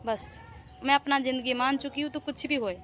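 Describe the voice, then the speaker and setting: A woman's voice: high voice, steady tone, a little fast, a bit bright. A young woman with a Bihari Hindi accent, vlogging in a plaintive, indignant way on a handheld phone as she walks through her family house and rooftop. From Bihar, India. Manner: plaintive, indignant, pleading to viewers. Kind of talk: aggrieved personal vlog.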